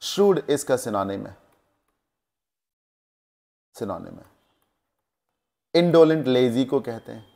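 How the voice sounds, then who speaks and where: A man's voice: medium pitch, animated, takes it slowly, vocal fry, pauses often, mellow. A male teacher explaining English word meanings in a classroom lesson, checking in with the class as he goes. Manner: explains word meanings with Hindi glosses, asks checking questions.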